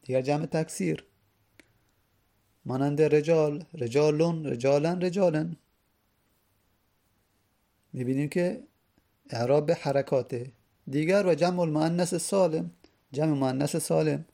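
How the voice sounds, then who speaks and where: A man teaching a grammar lesson in a methodical, repetitive way. He reads each rule aloud first and then explains it. His voice is fairly high for a man, gravelly, and mellow in tone. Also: long pauses.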